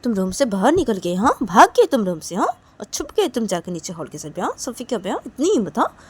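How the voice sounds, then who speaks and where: A woman's voice: fairly high pitch, huge pitch swings, fairly quick, slightly rough, pitched above the performer's own voice, exaggerated voice. A woman voicing a jealous, hot-tempered young woman who scolds and nags. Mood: scolding. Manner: scolding, nagging with repeated "haan?". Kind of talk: storytelling role-play.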